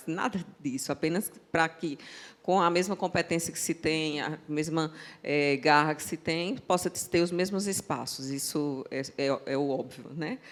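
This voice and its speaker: A woman on a panel telling a workplace story with animated energy and frequent repetitions. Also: sits low. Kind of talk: anecdotal storytelling in a panel talk.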